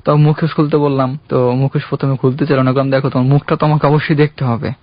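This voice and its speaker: A young man calling in to a radio show, earnestly recounting his own love story in a halting, heartfelt way. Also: medium pitch, level tone, no room sound. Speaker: caller. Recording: dull, dry radio studio sound.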